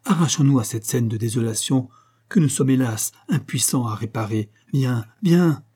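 A man's voice: mid-range voice, normal speed, mellow, slightly rough, close to an everyday voice. A man reading as an impetuous young Frenchman. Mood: urgent.

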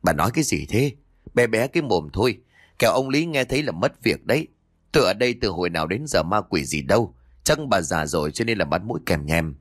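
A man's voice: sits low, lively intonation, no room sound, studio quality. A man doing a brash young servant lad. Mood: dismissive. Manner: quick, dismissive chatter. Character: brash young male buffalo-herding servant boy.

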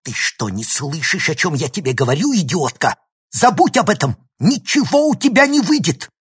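A man's voice: medium pitch, sing-song, moderate pace, breathy edge, no room sound, clean studio sound, voice pushed up. A man voicing an arrogant, scheming male professor who sneers and bullies in an audiobook reading. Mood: furious. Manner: sneering, condescending, flaring into shouts. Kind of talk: audiobook character voice.

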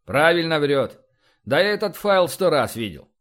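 A man voicing a gruff, sardonic rear admiral who scolds and mocks. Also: on the high side, sing-song, normal speed, voice pushed up. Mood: scoffing. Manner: brusque, mocking, loud outbursts.

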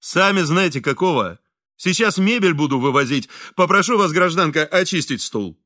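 A stern, self-assured swindler, as a man voices him in an audiobook reading, lower than the narration and curt in every order. The voice stays bright and forceful in a dry, close sound. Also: expressive, normal speed, dry recording. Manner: curt, commanding. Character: stern, confident male swindler.

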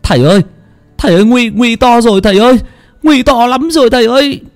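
A frantic young man shrieks high and breathless, stumbling over his words. The storybook figure sounds terrified and desperate. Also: fast, soft background music. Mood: panicked. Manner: frantic, stammering yells.

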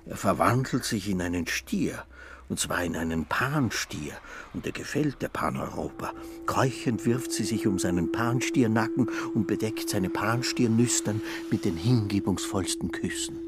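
A man narrating a dream scene in a radio play, in a lively, playful storytelling manner. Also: lowish voice, measured pace.

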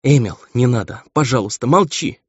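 A man's voice: medium pitch, very animated, normal speed, husky, dry recording, pitched above the performer's own voice. A man voicing a bitter, scornful noblewoman and mother in a raised voice, on a dull, lo-fi recording. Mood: pleading.

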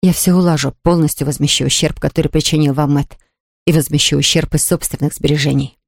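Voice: medium pitch, steady tone, fast talker, gravelly, no room sound. A narrator voicing a shaken, apologetic wife, reading in a dry, close studio recording. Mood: remorseful.

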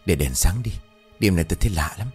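A man's voice: low voice, expressive, brisk, darkish tone, husky, faint music behind, heavily acted. A man voicing a timid, frightened young man who talks hesitantly and uneasily. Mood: uneasy. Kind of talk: storytelling dialogue.

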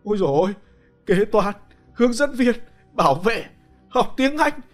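A man's voice: sits high, sing-song, fairly quick, soft background music. A man voicing a desperate young village wife who is sobbing, wailing and pleading in a strained, raised voice.

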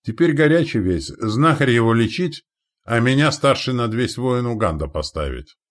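A man's voice: mid-range voice, big pitch swings, normal speed, voice pushed up, natural voice. A man voicing a hearty, tall, red-bearded foreign warrior chief who speaks in broken grammar in an audiobook.

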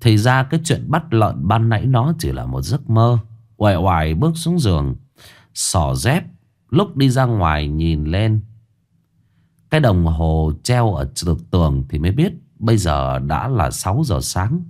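A man narrating a ghost story in a measured, expressive way. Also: sits low.

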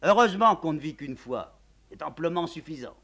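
Ironic tired count in a stage play reading, lively swoops, husky voice, read by a man. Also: a little high, fairly quick, pitched above the performer's own voice. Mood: mocking. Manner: dry mocking irony. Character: ironic, weary aristocratic count.

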